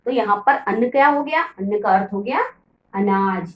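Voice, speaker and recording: A woman teacher explaining a lesson to children slowly, repeating each key word. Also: medium pitch, highs cut off. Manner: slow, repeats key words for pupils. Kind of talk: classroom lesson. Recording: echoey room, voice from far off.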